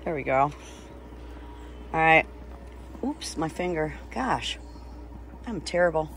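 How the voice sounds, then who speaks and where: A woman's voice: low voice, lively intonation, a bit bright, slight background noise, poor audio. A woman talking casually while grilling outdoors, filming on her phone with rambling asides. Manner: chatty, unhurried, rambling asides. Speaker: home cook filming herself. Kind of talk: casual cooking vlog. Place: outdoor deck by a lake. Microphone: phone held in hand.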